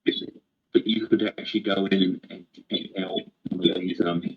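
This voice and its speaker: A man's voice: deep voice, steady tone, slightly rough. Man on a call that keeps breaking up. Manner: halting, repeats words. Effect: choppy, breaking-up online call audio. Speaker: call participant asking a question. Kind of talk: casual question on a group call. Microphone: video call. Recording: dull lo-fi call audio.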